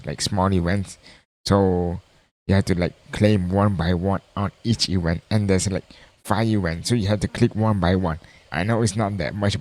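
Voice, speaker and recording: Low-voiced man rambling through a reaction. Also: darkish tone. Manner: rambling, lots of filler and restarts, blunt. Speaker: streamer reacting to a video. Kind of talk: casual reaction commentary.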